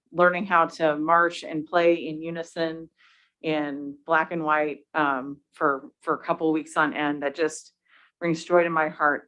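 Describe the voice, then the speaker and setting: A woman on a school board shares fond thoughts about her community, pausing often on ums. Her voice sits very low. The recording sounds dull and muffled. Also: fairly bright tone. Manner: hesitant, many ums, affectionate. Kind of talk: personal remarks at a board meeting. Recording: muffled meeting-room audio.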